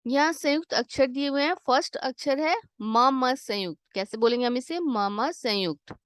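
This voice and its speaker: A woman with a high, clean voice at normal speed teaches children a Hindi lesson from a worksheet. She patiently asks questions and answers them herself, weaving English glosses into her explanations. The recording is dry and studio quality.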